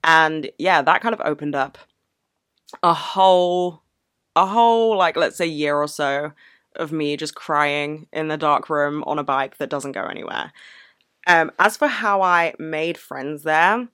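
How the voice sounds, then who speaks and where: A woman's voice: deep voice, a little slow, fairly bright tone, smooth, dry recording, studio quality. A woman vlogger telling a personal story in a candid, earnest, casual way. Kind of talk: casual reflective Q&A vlog.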